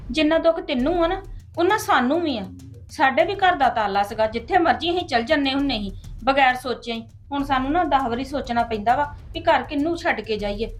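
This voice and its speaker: Actress as a high-voiced, grudging sister-in-law; sharp and complaining. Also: female voice. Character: resentful sister-in-law worried about debts.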